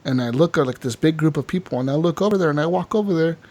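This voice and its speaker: A man with a voice on the high side co-hosts a casual gaming podcast, racing through animated stories. His talk is packed with swearing and constant filler words.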